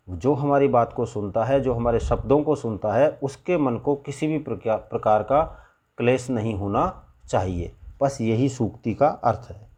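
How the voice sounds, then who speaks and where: A male school teacher giving a lesson, reading Sanskrit phrases aloud and explaining each one slowly to his students. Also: medium pitch, dark tone. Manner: addresses students as children, repeats "ठीक है". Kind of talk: classroom lesson explaining Sanskrit verses in Hindi.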